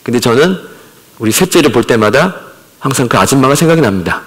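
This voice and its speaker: A man's voice: mid-range voice, expressive, quick pace. Emphatic man preaching in a reverberant church. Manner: emphatic preaching with rhetorical questions. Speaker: missionary preacher. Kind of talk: sermon. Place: church sanctuary.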